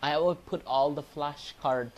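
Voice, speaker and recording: A Buddhist monk teacher with a Cambodian accent and a slightly high voice leads an informal livestreamed motivational talk and lesson. His delivery is halting and repetitive, with non-native English phrasing.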